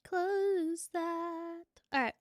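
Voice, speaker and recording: A woman's voice: very high voice, fairly even intonation, drawn-out words, no room sound, clean studio sound. A young adult woman streaming as a VTuber, chatting playfully with her viewers and swearing casually. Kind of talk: casual livestream chat.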